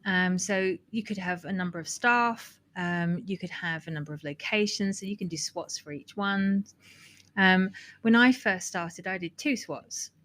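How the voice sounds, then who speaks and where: A woman's voice: medium pitch, unhurried, fairly bright tone. A woman co-hosting a marketing podcast in casual chat, giggly and explaining things in lists with many restarts and fillers. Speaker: podcast co-host.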